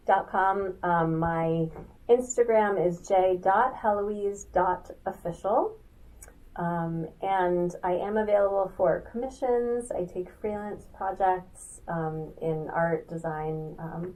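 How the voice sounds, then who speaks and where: A woman artist talking as a podcast guest in a casual, animated way, laughing often and filling with "like" and "you know". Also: on the low side, far from the mic, poor audio. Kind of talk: casual conversational interview.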